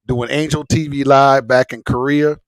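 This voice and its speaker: A man's voice: medium pitch, steady tone, moderate pace, no echo. A man hosting a casual livestream chat, rambling and repeating himself with slang and frequent swearing. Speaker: host of a live smoke-session stream.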